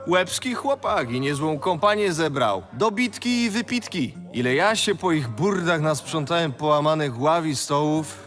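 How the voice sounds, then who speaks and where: A boisterous Norse innkeeper from a fantasy game, spins tales in colloquial speech. His voice is fairly high and very animated, with music behind it. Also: moderate pace, few pauses. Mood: chatty. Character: boisterous, chatty tavern keeper in a Norse island inn. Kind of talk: video game voice acting.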